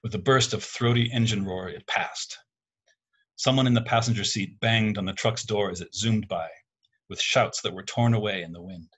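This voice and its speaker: A man reads his own literary fiction aloud at an even, measured pace. His voice is low with a husky grain. He narrates steadily. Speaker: contest winner reading his story.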